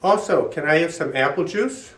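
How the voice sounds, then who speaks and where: A man's voice: a little high, lively intonation, moderate pace, a bit bright. A man voicing a brave, eager young grandson in a storybook tale, with earnest, simple delivery. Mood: polite, eager. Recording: roomy echo, distant from mic.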